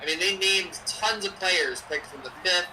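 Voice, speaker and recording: A man's voice: high voice, normal speed, recorded from a distance, noisy background. A young man co-hosting a game-sim stream, chatting casually and jokily while dropping in play-by-play calls. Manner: chatty, jokey, drops game calls between stories. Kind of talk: casual chat and play-by-play over a simulated football game.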